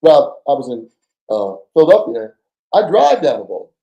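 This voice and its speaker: Animated man telling stories in an echoey room. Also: on the high side, normal speed, creaky. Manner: animated, acts out quoted dialogue, swears casually. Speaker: podcast guest, former undercover agent. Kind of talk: casual storytelling interview.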